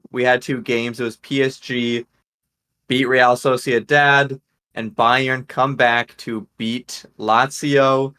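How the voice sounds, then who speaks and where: A man with an ordinary middle-pitched voice hosts a casual sports podcast. He lines up each topic and tosses questions to his co-hosts. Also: a bit bright. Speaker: podcast host.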